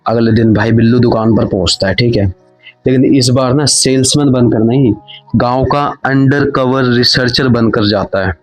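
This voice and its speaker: A man's voice: mid-range voice, fairly even intonation, normal speed, soft background music. A man telling a comic story in a chatty, casual way, speaking to the listener like a friend. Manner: chatty, addresses listener as brother.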